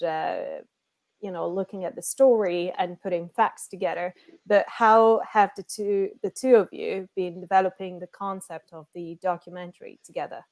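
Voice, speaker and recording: A woman hosting an interview, asking long, curious questions with small hesitations. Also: fairly low pitch. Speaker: interview host.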